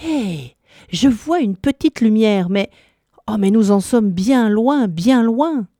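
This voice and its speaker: A woman's voice: expressive, slow pace, mellow, dry recording, studio quality. A woman voicing a clever, bold male cat in a storybook reading, raising her voice as he schemes and urges his friends on. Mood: surprised. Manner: eager, scheming, higher than her narration.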